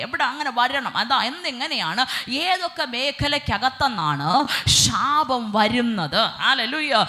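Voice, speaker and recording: A woman's voice: high-pitched, sharp tone. A woman with a Malayali accent preaching a sermon, dropping hallelujahs and English fillers, asking the congregation questions and answering them.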